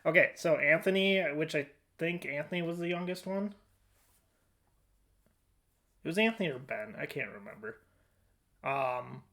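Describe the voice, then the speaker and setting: A man with a fairly high, fairly bright voice co-hosts a podcast, chatting casually about movie casting. He's informal and often thinks out loud as he speaks.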